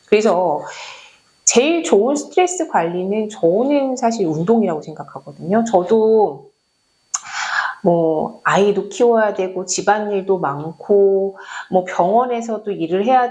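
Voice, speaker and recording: Woman doctor, forties, lively pitch, chatty explaining, health advice to camera. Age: 40s. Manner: chatty, friendly explaining with fillers.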